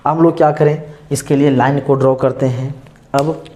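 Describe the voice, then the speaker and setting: A male maths teacher lectures at the board in a mellow, dark voice. He walks through each step and poses questions to the class, then answers them himself. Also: mid-range voice, fairly even intonation, normal speed. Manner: explains step by step, asks and answers his own questions.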